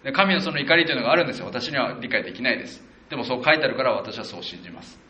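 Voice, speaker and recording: A male pastor preaching a casual, conversational sermon, stopping to correct himself and acting out what the people said with lively jumps in pitch. His voice is bright and forceful. It is recorded in a roomy, echoing space with a dull, lo-fi sound. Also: racing, slight background noise. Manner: animated, acts out quotes of the people with shifts of pitch; conversational, with self-corrections and fillers. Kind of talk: sermon, verse-by-verse Bible exposition.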